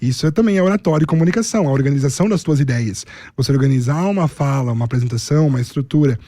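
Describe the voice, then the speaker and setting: A man's voice: medium pitch, rapid-fire, mellow, slight background noise. A man with a Brazilian accent, a public speaking coach, explaining his methods methodically, step by step, as an interview guest. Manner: methodical, explains in numbered steps and lists.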